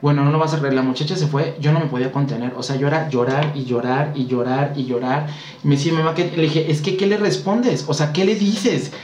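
A man's voice: a little high, quick pace, a little hiss or hum. A man with a Mexican accent, a guest telling stories in casual chat and acting out what people said to him. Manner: animated storyteller acting out quotes. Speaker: guest spiritual consultant. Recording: roomy echo, faint background ambience.

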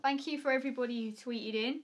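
A woman with an Essex accent and a slightly high voice chats as a podcast co-host. She is informal and supportive, speaking to listeners like friends. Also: steady tone, quick pace. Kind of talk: casual chat.

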